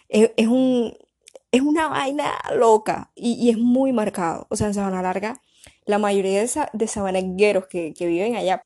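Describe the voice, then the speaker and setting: A young woman with a Colombian Caribbean coastal accent, chatting casually and explaining things in a lively, colloquial way. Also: medium pitch. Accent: Colombian Caribbean (costeño). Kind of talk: casual chat.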